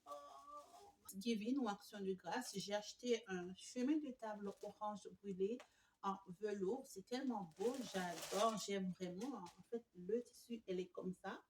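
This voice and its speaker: A woman, gushing excitedly through a casual home decor haul with many fillers. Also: medium pitch, measured pace, slight background noise. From Canada. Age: 20s. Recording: echoey room, mic at a distance.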